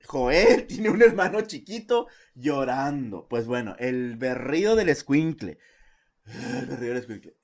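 A young man with a Mexican Spanish accent, co-hosting a podcast and telling a story in a casual chat, acting out shouting neighbors and laughing often. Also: a little slow. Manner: animated, acts out shouting neighbors with big jumps in pitch, laughs often. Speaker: podcast co-host.

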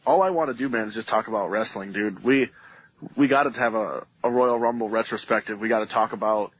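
A man's voice: lowish voice, brisk, slightly rough. A man co-hosting a podcast in casual, enthusiastic, slangy chat. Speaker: podcast co-host. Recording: slightly dull, lo-fi sound.

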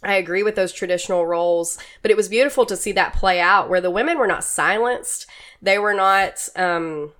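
A woman guest on a podcast, talking earnestly and warmly about a mission trip, with small restarts. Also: medium pitch, moderate pace. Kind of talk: casual podcast chat.

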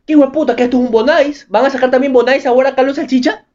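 A man reading out viewer anecdotes and riffing on them with crude, excitable slang in a comedic vlog. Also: very high-pitched, racing, muffled recording.

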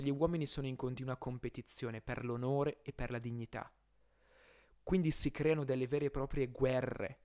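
A man hosting an informal philosophy lesson, explaining aloud in a halting way, often correcting himself and stretching out words as he goes. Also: mid-range voice, a little mellow, smooth. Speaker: host of a philosophy podcast series.

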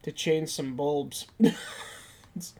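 A woman's voice: sits low, steady tone, extremely slow, a little mellow. A woman co-hosting a film podcast in casual banter, informal and wry, chiming in with short remarks.

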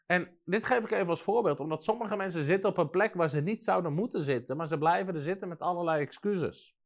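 Speaking fast in a high voice, a man preaches a sermon in a studio. He tells lively stories and acts out the voices of the people in them.

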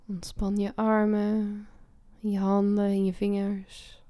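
A woman guides a relaxation meditation in a slow, hushed voice that often sinks into whispers. Her tone is mellow and very even, with little rise and fall. The sound is dry and close. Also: medium pitch, dry recording. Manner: slow, soft and soothing, with long pauses and drifting into whispers.

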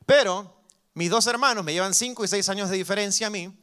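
A young man preaching a sermon as pastor, telling stories lively and acting out the dialogue. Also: sits high, fast. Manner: lively storytelling that acts out dialogue.

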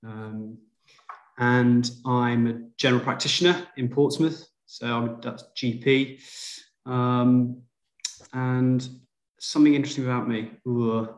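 A GP from Liverpool, England, appears as a podcast guest in casual conversation, telling stories self-deprecatingly with plenty of fillers. His medium-pitched voice is steady and slow. The recording has a roomy echo.

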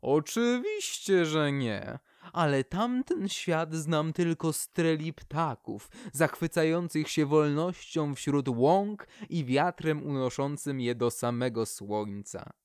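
A man voicing a curious, dreamy female poplar tree in a storybook, speaking high and wistfully. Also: very animated, slow, no echo, clean studio sound, exaggerated voice. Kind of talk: storybook character voice.

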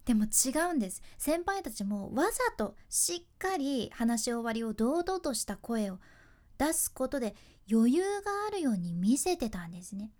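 A woman radio announcer with a Hakata dialect, hosting a chatty advice podcast and explaining with lively asides. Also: high-pitched. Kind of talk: casual spoken advice podcast.

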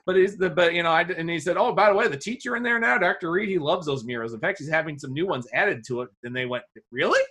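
A man's voice: fast, hardly any pauses, pushed and bright, husky. A man and teacher in casual podcast conversation, telling rambling classroom stories and acting out the people he quotes. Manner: rambling storyteller, acts out quoted students with a high voice.

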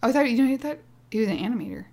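A woman's voice: a little high, very animated, racing, darkish tone. Playful woman podcast co-host. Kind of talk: casual chat.

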